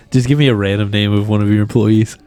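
A man's voice: lowish voice, fairly even intonation, brisk, darkish tone, clear, resonant tone. A young man co-hosting a sports podcast, teasing his friends and making emphatic points with some swearing. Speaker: podcast co-host. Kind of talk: casual sports chat.

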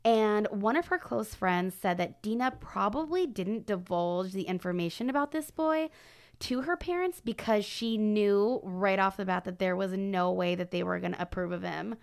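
A woman's voice: mid-range voice, moderate pace, vocal fry, smooth. A woman co-hosting a true-crime podcast, narrating with jokey asides and laughter. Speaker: podcast co-host.

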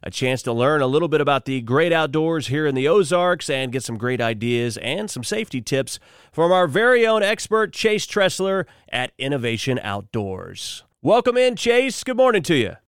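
A man's voice: on the high side, big pitch swings, normal speed, clean tone, no echo, studio quality. A man hosting a morning radio show in upbeat, folksy, exclamatory patter. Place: radio studio.

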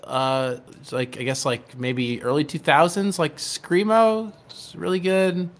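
A man's voice: fairly high pitch, steady tone, a little slow. A man in casual podcast chat, rambling with many fillers and firm opinions.

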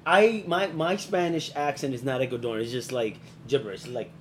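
A playful host asks questions in casual chat, mid-pitched, teasing and cutting in often. A faint noise sits behind the voice. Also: a little fast. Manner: jokey, jumps between topics, interrupts. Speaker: interview host.

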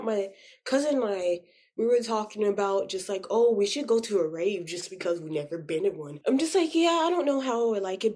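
Here a woman in her twenties, warm-toned and mid-range in pitch, is a guest in an interview. Her talk is casual and full of slang as she relates stories from her own life.

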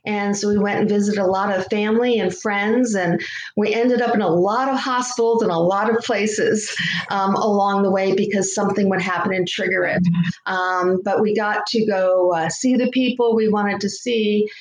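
A woman's voice: mid-range voice, steady tone. A middle-aged woman from Connecticut tells her personal story as an interview guest, in a reflective, heartfelt way, and her voice carries a heavy echo. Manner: reflective and heartfelt, with many pauses. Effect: heavy echo around the voice. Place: echoey room. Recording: echoey room, faint noise.

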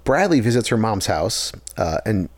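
A man's voice: fairly low pitch, very animated, normal speed, no echo. A man co-hosting a casual podcast, recapping episodes at length with frequent fillers. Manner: long plot recaps with fillers. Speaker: podcast co-host recapping a show. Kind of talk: casual chat.

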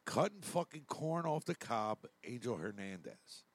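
A man's voice: medium pitch, big pitch swings, measured pace, no echo. A man co-hosting a sports talk show, trash-talking in heated, crude banter. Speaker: podcast co-host.

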